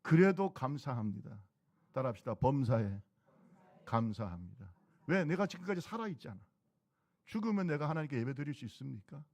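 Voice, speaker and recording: A man's voice: mid-range voice, lively intonation, brisk, darkish tone. A middle-aged man preaching a sermon as pastor, exhorting the congregation with repeated calls.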